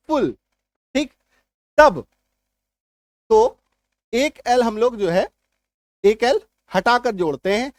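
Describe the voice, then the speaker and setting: A man with a high-sitting voice, recorded with no echo, gives a spoken lesson on English spelling rules. He repeats his points reassuringly and keeps checking whether students are following.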